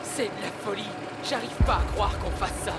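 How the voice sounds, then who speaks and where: Panicky war game soldier, super high strained voice, always complaining, music behind. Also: male voice, moderate pace. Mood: disbelieving. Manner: agitated, strained protesting. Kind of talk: French-dubbed war video game acting.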